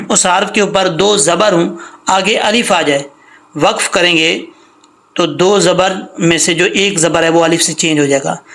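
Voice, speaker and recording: A man's voice: high voice, a bit bright. A man teaching Quran recitation, patiently sounding out words letter by letter and pointing out common mistakes. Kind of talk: slow teaching with drawn-out recitation.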